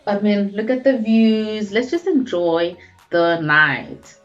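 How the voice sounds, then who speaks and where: A woman's voice: medium pitch, animated, slow, muffled recording, faint music behind. Chatty South African woman vlogger. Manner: chatty, calls viewers pet names. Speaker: YouTuber. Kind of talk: casual mukbang chat to camera. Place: at home at night.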